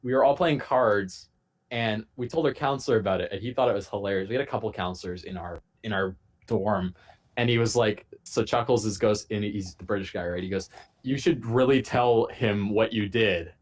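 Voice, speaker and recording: A man on a casual podcast, telling a long profane story in a rambling, animated way. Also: lowish voice, brisk. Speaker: podcast host.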